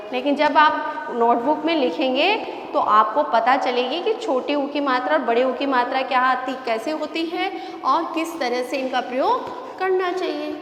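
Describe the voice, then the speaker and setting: A woman's voice: sits high, a bit bright, slight background noise. A woman primary school teacher giving a class lesson, patient, repeating and asking the children questions. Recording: echoey room with long reverb, faint ambience.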